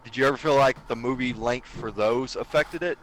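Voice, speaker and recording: A man's voice: medium pitch, a little fast, a bit bright, slight background noise, low-quality recording. Eager guy explaining a game. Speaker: guest streamer. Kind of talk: casual podcast chat.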